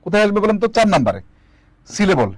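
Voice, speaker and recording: A man's voice: high voice, big pitch swings, rapid-fire, dry recording. A man teaching an online English lesson, asking students questions and drilling the answers back. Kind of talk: online lecture.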